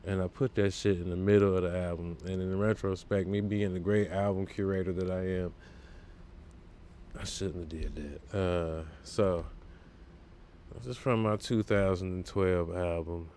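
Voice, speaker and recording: A man's voice: low-pitched, fairly even intonation, moderate pace, warm tone, slight background noise. A man hosting a solo podcast in a laid-back, rambling way, full of fillers and slang. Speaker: podcast host. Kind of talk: casual solo podcast talk.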